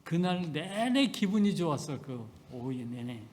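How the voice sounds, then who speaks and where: A man's voice: fairly high pitch, very animated, measured pace. A middle-aged male pastor preaching a sermon in a folksy, storytelling way, acting out family conversations. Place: church sanctuary. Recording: long church hall reverb.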